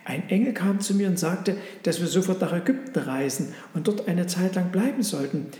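A man voicing a calm, kind father and carpenter in a storybook reading, speaking reassuringly. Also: high voice, normal speed. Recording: roomy with long reverb.

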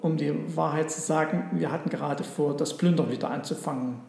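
A man's voice: a little high, fairly quick, creaky, a little mellow. A man voicing the eldest of three poor robbers, commanding and plotting, in a storybook reading. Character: scheming older male robber, leader of three. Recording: roomy echo.

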